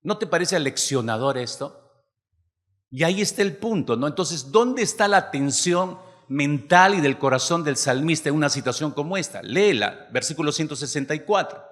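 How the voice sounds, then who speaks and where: A man's voice: fairly high pitch, animated, moderate pace, fairly bright tone. A man preaching a sermon, often asking the congregation rhetorical questions. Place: church hall. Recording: long hall reverb.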